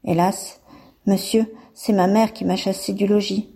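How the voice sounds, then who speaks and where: A woman voicing a gentle, honest young girl in a read-aloud fairy tale, soft and apologetic. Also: mid-range voice, level tone, unhurried, gravelly, slightly rough.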